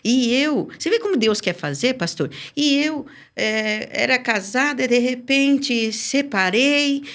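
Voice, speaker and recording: A woman guest on a church podcast giving her personal religious testimony, telling her story with lively acted-out dialogue. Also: slow, hardly any pauses. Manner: sweeping, swinging pitch as she tells her story.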